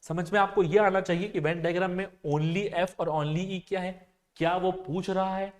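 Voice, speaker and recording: A man with a high-pitched voice gives an exam-prep maths lecture. He works through each problem step by step, mixing in terms, and keeps asking his students whether they follow. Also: steady tone, moderate pace. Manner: explains step by step, often asks students if they understood. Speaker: maths and reasoning teacher.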